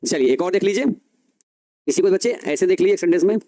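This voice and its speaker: High-voiced man teaching grammar. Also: expressive, dark tone. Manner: explains slowly, repeats key phrases, asks and answers own questions. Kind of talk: classroom grammar lesson.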